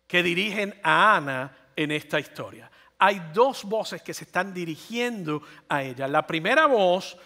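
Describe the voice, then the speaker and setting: High, bright-voiced preacher in a reverberant hall. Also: male voice. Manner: animated preaching with rhetorical questions to the audience. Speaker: pastor. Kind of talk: sermon.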